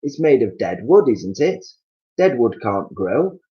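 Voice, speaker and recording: A man's voice: mid-range voice, sing-song, a little slow, lo-fi sound, pitched above the performer's own voice. A man voicing a nasty old man who taunts and jeers at his wife in a storybook reading. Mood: taunting. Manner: taunting, jeering. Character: cruel gloating old man, nasty prankster.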